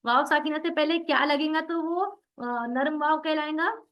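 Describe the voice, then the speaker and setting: Female tajweed teacher, high voice, asks and answers her own questions, dull lo-fi class audio. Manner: drills syllables slowly, one by one. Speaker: Quran recitation teacher.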